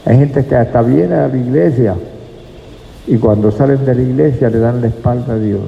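A gravelly, mid-range male voice preaches at a moderate pace in church, emphatic and calling his listeners brothers. Dull lo-fi audio captures the echoey hall.

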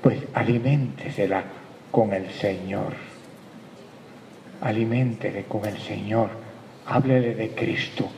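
A man preaching a sermon, calling his listeners brother and swinging from quiet reflection to loud, emphatic bursts. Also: on the low side, fairly even intonation, slow, gravelly, pauses often, slight background noise. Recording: echoey hall, dull lo-fi sound, faint ambience.

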